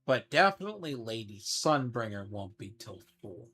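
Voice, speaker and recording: A man's voice: mid-range voice, very animated, normal speed, a bit bright, breathy edge. A man giving casual game commentary, rambling and thinking aloud as he speculates. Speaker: gaming streamer. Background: game music.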